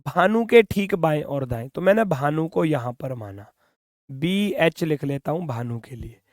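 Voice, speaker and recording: A man teaching reasoning in an online exam-prep class, brisk and coaxing, sometimes scolding students playfully, speaking English with an Indian accent. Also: fairly high pitch, expressive, a little mellow, no echo, clean studio sound.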